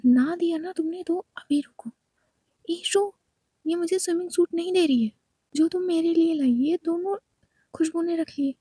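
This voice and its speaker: A woman voicing a whiny young woman who takes offence easily and complains loudly. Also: sits high, brisk, dry recording, lightly acted. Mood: complaining. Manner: loud, complaining, tearful pleading.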